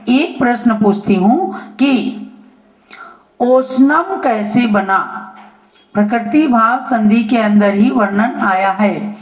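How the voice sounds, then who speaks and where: A woman teacher explaining a grammar lesson in a slow, deliberate way, stretching out her examples. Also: on the high side. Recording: echoey, dull lo-fi audio.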